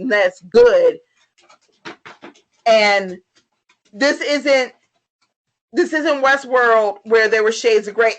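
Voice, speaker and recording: A woman's voice: on the high side, a bit bright, rough recording. A tipsy woman co-hosting a casual review chat, swearing freely and repeating herself emphatically as she gives her opinions. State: tipsy, getting drunker. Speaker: podcast co-host.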